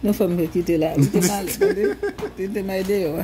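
A woman's voice: mid-range voice, steady tone, fairly quick, loud music behind the voice. A middle-aged woman with a Haitian accent chatting jokingly and exclaiming, mixing Creole with bits of English. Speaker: guest voice-over commentator, mother of the vlogger. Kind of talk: casual joking chat.

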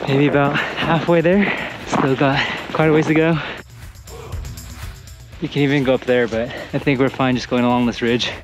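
A young man with a mid-range, steady voice narrates a casual travel vlog at a moderate pace, talking to an action camera held at arm's length. He's at a ski resort, partly out on the slopes and partly inside a gondola, with music in the background and a lo-fi sound to the recording.

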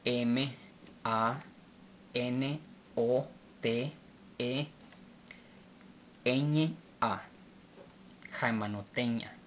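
A man teaching a language lesson, slowly spelling words out letter by letter. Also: medium pitch, steady tone. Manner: slow and deliberate, spells letter by letter. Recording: dull lo-fi recording with faint hiss.

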